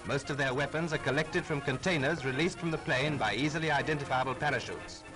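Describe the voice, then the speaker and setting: A man's voice: a little high, low-quality recording. A man giving formal, patriotic narration on a 1940s wartime newsreel soundtrack. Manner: brisk, formal, patriotic delivery. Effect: old newsreel soundtrack. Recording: old newsreel soundtrack over loud music.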